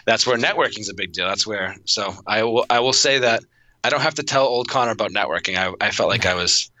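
A man's voice: on the low side, fast talker, bright, forceful tone, dry recording. A man in his thirties talking casually as an interview guest, rambling with lots of restarts and fillers. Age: 30s. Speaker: podcast guest.

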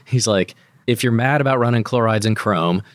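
A man's voice: lowish voice, normal speed, no room sound, studio quality. A man co-hosting a podcast, explaining technical matters in a casual, colloquial way. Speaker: podcast co-host.

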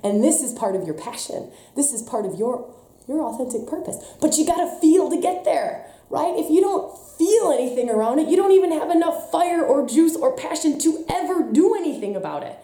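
A spiritual teacher gives an impassioned talk in a high-pitched, slightly stuffy voice, moving briskly with big pitch swings. She is passionate and emphatic, alternating between soft and intense moments, and the sound is roomy.

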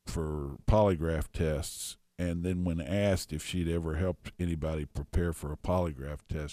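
A man's voice: a bass voice, warm tone, no room sound, studio quality. A man hosting a political talk radio show, reading commentary aloud in a combative, scornful way with asides and fillers. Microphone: radio studio microphone.

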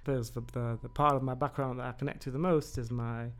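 Gravelly man, halting with many fillers. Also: medium pitch, steady tone. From England. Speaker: podcast guest. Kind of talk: casual conversation.

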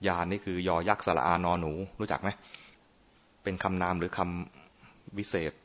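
Heard through muffled lo-fi audio, the monk has a deep, steady voice with a fairly bright tone and a normal speed. He gives a playful dharma talk on meditation, frequently testing his audience with questions.

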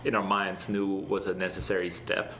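A man answering interview questions casually as a guest, speaking in an earnest, reflective and halting way. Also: deep voice, level tone, a bit bright, slight background noise. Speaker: interview guest, startup founder.

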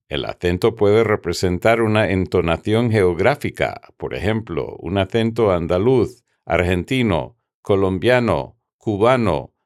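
A man hosting a radio show, reading a scripted lesson in a methodical, didactic way and counting off examples one by one. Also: on the low side. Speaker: radio host.

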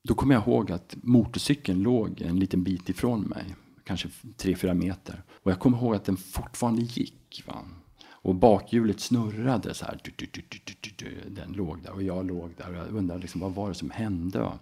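A middle-aged man from Sweden, a podcast guest, telling a story in a relaxed, halting way with frequent tag questions. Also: sits low, vocal fry, husky. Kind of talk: casual storytelling.

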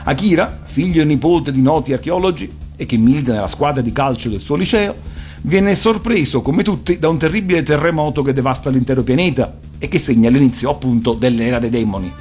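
Over soft music, a man delivers an erudite, didactic commentary on animation, explaining and analysing cartoons. His voice is mid-range and his pace a little fast.

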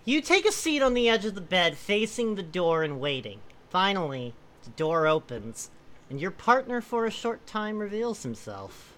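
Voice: mid-range voice, sing-song, normal speed, a bit bright. A person reading a comic story aloud to friends, breaking off into casual, amused asides.

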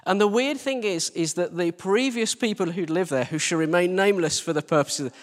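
A middle-aged man with a high voice and brisk delivery, a church team leader, preaches live in a reverberant church hall. His sermon runs on personal anecdote, conversational and self-deprecating.

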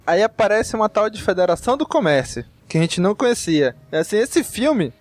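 A Brazilian man chatting casually on a podcast, animated and full of slang exclamations. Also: high-pitched, brisk, music in the background. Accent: Brazilian Portuguese. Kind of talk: casual chat.

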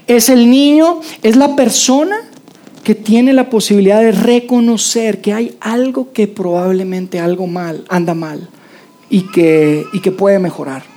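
Una predicadora con acento mexicano da un sermón en tono conversacional e imita las voces de los personajes bíblicos. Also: female voice, mid-range voice, unhurried, dark tone. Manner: conversational, acts out voices of biblical figures. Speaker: preacher. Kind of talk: sermon.

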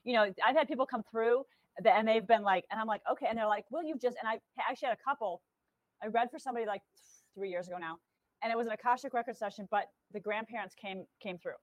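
A woman medium tells a story in a casual chat, her voice sitting a bit high and sounding dry and close. She talks animatedly and acts out the voices in what she tells. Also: fast talker, no room sound, dull audio. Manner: lively, animated, acts out quotes with laughter. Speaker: guest medium.

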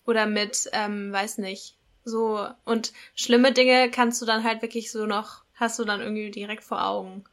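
A woman's voice: mid-range voice, little pitch movement, a little slow. A young woman co-hosting a podcast in casual, conversational talk. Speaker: podcast co-host.

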